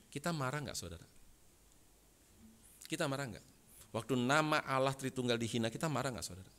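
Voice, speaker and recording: A man preaching a sermon as pastor, swinging from loud bursts to soft asides and often addressing the congregation directly. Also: medium pitch. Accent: Indonesian.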